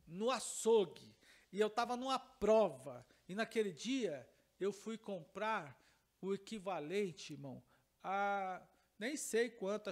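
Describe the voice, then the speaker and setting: At a church teaching service, a Brazilian pastor with a Brazilian Portuguese accent and an unusually high voice for a man preaches while telling a personal story. He repeats phrases for emphasis and shifts between hushed passages and loud, emphatic ones.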